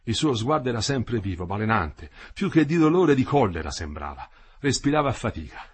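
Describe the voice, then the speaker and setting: Husky, expressive male audiobook narrator. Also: mid-range voice, fairly quick. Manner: expressive, dramatic reading. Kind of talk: scripted narration.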